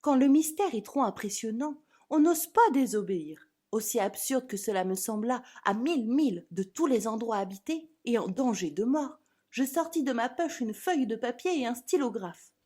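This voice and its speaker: A woman with a fairly high, husky voice narrates a storybook. Her reading is theatrical and dramatic, leaning hard on phrases like a stage performer. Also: animated, normal speed, mellow.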